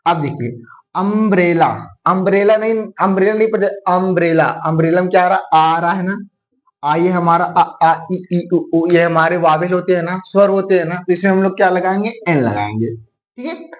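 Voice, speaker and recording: A man's voice: high-pitched, normal speed. A young man teaching a grammar lesson, often asking and answering his own questions and checking in with "theek hai". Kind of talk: explaining a lesson.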